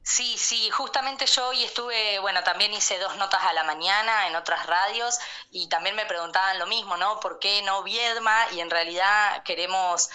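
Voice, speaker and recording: A woman's voice: medium pitch, normal speed, sharp tone, clean tone. A woman with an Argentine accent talking over a phone line on speakerphone, a guest who speaks earnestly with many fillers and restarts. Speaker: activist guest on a phone call. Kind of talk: phone interview on radio.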